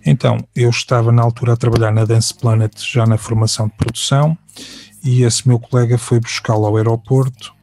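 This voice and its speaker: A man's voice: mid-range voice, level tone, brisk, background noise. A man, casually telling a long personal story with many fillers and restarts, acting out the voices of other people.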